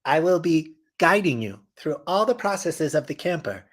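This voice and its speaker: Camper Stamper, a man doing a loud robotic camper voice. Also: on the high side, sing-song, moderate pace. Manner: stiff, announcing robotic delivery. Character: chirpy automated camper voice, machine. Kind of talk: improvised comedy.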